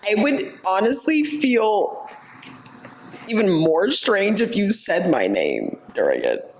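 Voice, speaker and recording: A young woman co-hosts a casual podcast, with speech full of "like" and frequent laughter. Her pitch swings up and down a lot as she talks. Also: wildly swooping pitch, slow, darkish tone. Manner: candid, laughs often, lots of "like" fillers. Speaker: podcast co-host. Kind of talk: casual chat.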